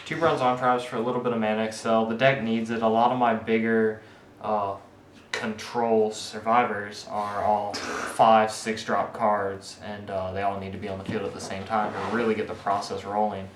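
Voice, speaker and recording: Guy going over his card deck, kinda low voice, lots of uh and restarts, echoey room. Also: little pitch movement. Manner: halting, many fillers and restarts while explaining. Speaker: card game deck presenter. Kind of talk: casual card-deck walkthrough. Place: indoor room with friends nearby. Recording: echoey room with faint background hiss.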